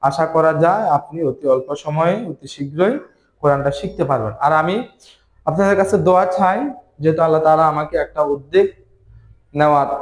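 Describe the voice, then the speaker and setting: Patient male Quran teacher, echoey room. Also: fairly high pitch. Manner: patient, repeats syllables drawn out for learners. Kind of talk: spelling out letters and syllables slowly in a recorded lesson.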